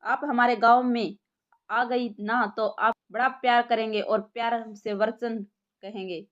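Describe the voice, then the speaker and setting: A woman playing a goofy village joker smitten with a policewoman, cheeky and flirty; fairly high voice, dull lo-fi sound. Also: fairly even intonation, unhurried, natural voice. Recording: lo-fi muffled recording.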